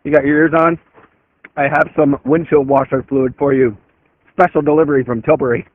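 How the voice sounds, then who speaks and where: A man's fairly high voice comes through a tinny CB radio, thin and squeezed like a phone line, with no room sound around it. He talks casually in trucker CB radio style and calls other drivers by their handles. His delivery is easygoing and unhurried. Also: no room sound. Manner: relaxed, calls out handles over the channel. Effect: tinny CB radio transmission. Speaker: convoy participant on the radio channel. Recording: tinny narrow-band radio, dry.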